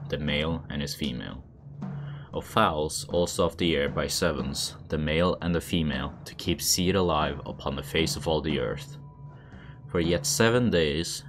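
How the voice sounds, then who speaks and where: A man reading scripture aloud in a monotone manner. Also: a bass voice, noisy background. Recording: background music under the voice. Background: music.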